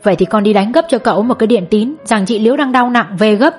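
A woman's voice: fairly high pitch, fast, soft background music, lightly acted. A woman voicing a strict middle-aged mother who speaks firmly and reproachfully, giving urgent orders to her daughter.

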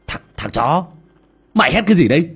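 A man's voice: on the high side, big pitch swings, fairly quick, voice pushed up, full character voice. A man doing a cursing, hot-tempered young brute. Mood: furious. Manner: cursing, shouting roughly.

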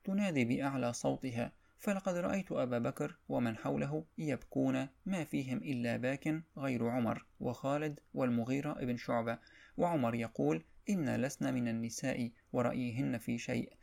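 Man reading an old religious story out loud, gravelly voice, steady measured pace. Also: medium pitch. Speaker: narrator reading a religious history text. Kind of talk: read-aloud narration.

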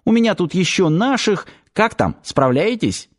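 A flustered male ship's medic in an audiobook, as the narrator puts him on. His voice jumps up high while he fusses and snaps out urgent orders. He sounds harried and in a rush. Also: big pitch swings. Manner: hurried, flustered, barking orders.

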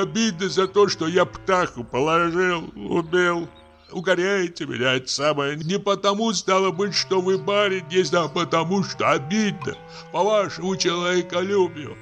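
A man voicing a meek, lame peasant poacher, pleading in a trembling, reedy falsetto. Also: moderate pace, a bit bright, faint music behind. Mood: agitated. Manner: humble, rambling, pleading.

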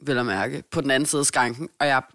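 A woman's voice: a bass voice, no echo, studio quality. A Danish woman co-hosting a podcast, casually telling a story and acting out the people in it. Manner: animated storyteller, acts out quoted people. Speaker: podcast co-host. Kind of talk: casual chat.

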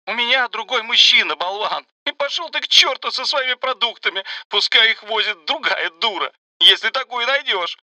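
Brief: man doing high squeaky young woman, teary and cutting, dry close mic. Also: expressive, moderate pace, no room sound, heavily acted. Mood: angry. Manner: sobbing, high and squeaky, turning sharp. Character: young woman Sveta, tearful then angry. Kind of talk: audiobook narration with voiced dialogue.

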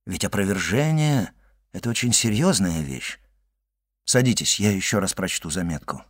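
A man reading the part of a genial, wry male journalist in an audiobook, speaking low and calm. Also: normal speed.

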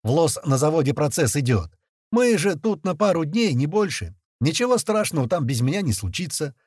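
A man voicing a relaxed friend who casually explains why he came along. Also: on the high side, brisk, breathy edge, dry recording, clean studio sound, voice pushed up. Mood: placating. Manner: relaxed, soothing, chatty. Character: easygoing young fighter friend, cheerful man.

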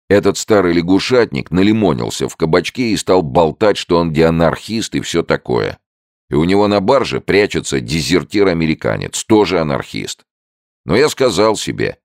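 A man's voice: low voice, no echo, studio quality, pitched above the performer's own voice. A man voicing a blunt, blustering American soldier in an audiobook. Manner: brash, blustering. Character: rough-talking American soldier, blunt and loud.

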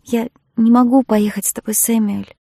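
A young woman torn between love and duty protests with rising emotion, as the female narrator voices her. Her voice is warm and slightly gravelly. The recording is dry and close. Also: on the high side, fairly even intonation, moderate pace, no echo, voice pushed up. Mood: anguished.

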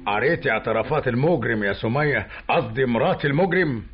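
An actor with an Egyptian accent playing a calm husband who consoles his wife in a radio drama. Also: medium pitch, quick pace, faint music behind, natural voice. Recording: dull old radio recording.

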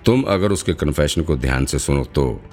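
A man voicing a sharp woman investigator. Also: very deep voice, expressive, normal speed, soft background music. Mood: analytical. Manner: probing, reasoning aloud.

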